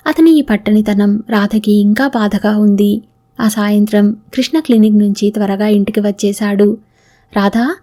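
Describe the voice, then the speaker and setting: A woman's voice: mid-range voice, mellow. A woman narrating a novel aloud as an audiobook, reading both spouses' lines in her own voice.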